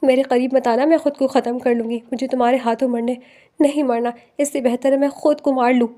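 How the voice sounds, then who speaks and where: A woman's voice: sits high, fairly even intonation, natural voice. Woman doing a hysterical young wife. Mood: frantic. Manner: shouting, raised and strained.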